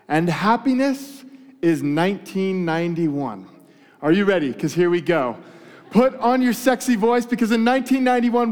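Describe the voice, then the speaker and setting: A man with a high, smooth, resonant voice tells a story to a live audience, teasing them as he goes. His voice rings out with a long reverb from a large hall. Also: a little mellow. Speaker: speaker addressing a live audience. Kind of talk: lively storytelling talk to a crowd.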